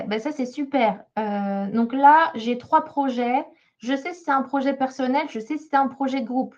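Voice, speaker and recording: A woman's voice: high-pitched, darkish tone. A woman job coach giving a webinar talk while reviewing a CV, hesitant, with many fillers and restarts. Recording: slightly dull lo-fi sound.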